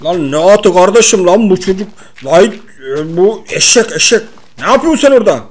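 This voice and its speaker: In a video game role-play, a man plays a clumsy comic everyman, high-pitched and slangy, whining his complaints. His playful, improvised delivery is animated and moderately paced, in a mood of comic grumbling.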